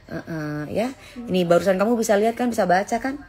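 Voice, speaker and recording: A woman hosting a casual livestream on her phone, chatting with viewers and lecturing her son in a warm, teacherly way. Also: medium pitch, fairly quick. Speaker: livestream host reading viewer comments. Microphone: phone held for a livestream.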